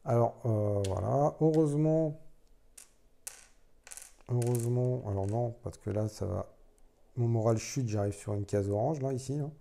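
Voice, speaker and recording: A man's voice: mid-range voice, moderate pace, vocal fry, warm tone. A man casually playing a solo board game, thinking aloud as he explains the rules, with self-deprecating asides.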